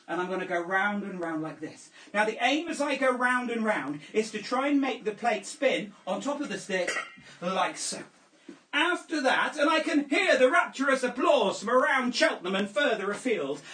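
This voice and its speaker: Man, high animated voice, children's entertainer patter, echoey room, heard from a distance. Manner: playful, jokey, theatrical announcing. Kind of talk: juggling show patter. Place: home room during lockdown. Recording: echoey room, voice a little off-mic.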